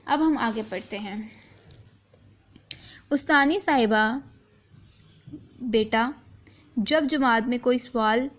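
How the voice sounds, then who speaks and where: A woman teaching a children's class, reading a text slowly and then explaining it again in simple, repeated words, with English words mixed in. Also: fairly high pitch. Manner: reads a passage, then re-explains it simply with repetition; slow, deliberate pace for children. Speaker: school teacher.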